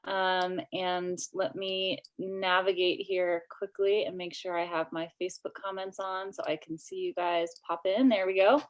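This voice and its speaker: A woman's voice: fairly low pitch, flat delivery, a little slow, hardly any pauses. Upbeat woman hosting a live video chat. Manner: upbeat, chatty, laughs easily. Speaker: host of a coaching group. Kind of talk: casual live-stream chat. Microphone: video call.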